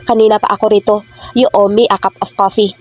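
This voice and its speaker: A woman reading the lines of a cool, composed young businessman in a calm, low-key way. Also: quick pace, faint music behind, close to an everyday voice. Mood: cool, concerned.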